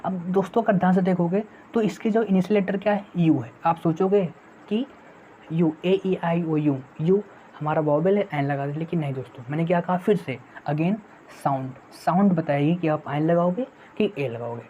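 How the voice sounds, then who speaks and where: Woman teaching english grammar online, lowish mellow voice, keeps asking viewers questions, kinda dull lo-fi sound with faint hiss. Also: brisk. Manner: repetitive rhetorical questions to viewers. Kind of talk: online exam-prep grammar lesson.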